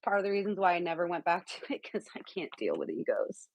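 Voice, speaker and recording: A woman's voice: on the low side, big pitch swings, fast, dry recording, rough recording. A woman from San Diego, the guest cook, explaining a recipe in a chatty, casual way with lots of fillers over a video call. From San Diego, California. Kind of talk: casual cooking chat.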